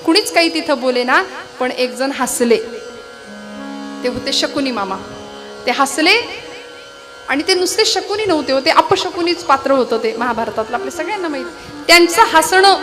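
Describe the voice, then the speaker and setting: High-voiced woman kirtan storyteller. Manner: lively, conversational, rhetorical questions to the audience. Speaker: kirtan performer. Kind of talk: devotional kirtan storytelling with song. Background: devotional music.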